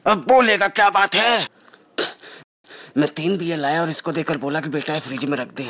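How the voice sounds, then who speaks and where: A man's voice: a little high, normal speed, a bit bright, no room sound, clean studio sound. A man playing a fed-up complaining uncle. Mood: aggrieved. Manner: aggrieved, complaining. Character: fed-up younger brother, whiny and exasperated. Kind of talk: comedy skit acting.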